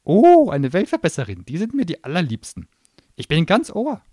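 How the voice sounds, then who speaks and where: A man voicing a sarcastic, hot-tempered little male gnome demon who grants wishes, shrill and mocking, in an audiobook reading. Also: wildly swooping pitch, moderate pace, mellow, slightly rough, no room sound, studio quality, full character voice.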